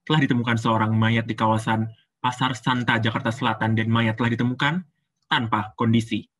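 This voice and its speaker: A man's voice: little pitch movement, fairly bright tone, lightly acted. A man doing a formal TV newsreader. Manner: measured low newsreader delivery. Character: formal male TV news anchor reading a report.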